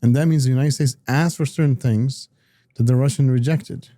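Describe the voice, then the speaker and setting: A man talking politics as an analyst in a casual discussion, halting often with repeated words and restarts. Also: mid-range voice, steady tone, dark tone, no echo, studio quality.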